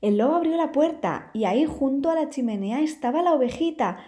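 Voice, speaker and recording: A woman with a Spain Spanish accent, reading a children's storybook aloud in an expressive, lively way. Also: sits high, a little fast.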